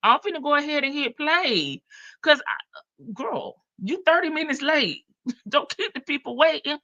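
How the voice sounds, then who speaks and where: Woman, livestream host, bright forceful voice, casual teasing commentary, dry slightly dull sound. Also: high voice, very animated, normal speed, dry recording. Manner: informal, teasing chatter to viewers.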